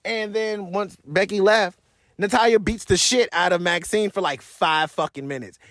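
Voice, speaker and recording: A man's voice: high voice, normal speed, a bit bright, dry recording, studio quality. A man hosting a wrestling review show, ranting bluntly and swearing freely in casual, slangy talk with rambling asides. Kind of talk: casual profane rant.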